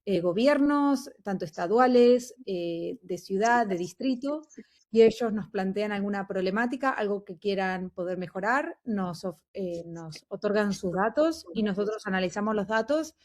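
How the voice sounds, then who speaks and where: A woman's voice: medium pitch, animated, moderate pace, darkish tone. A woman from Argentina speaks as a panel guest, a doctoral researcher describing her work. She explains earnestly and steadily, dropping in fillers now and then. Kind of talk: panel talk.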